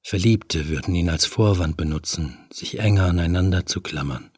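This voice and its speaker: A man narrating a horror audiobook in a measured, even storytelling manner. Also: deep voice, breathy edge, no echo, clean studio sound.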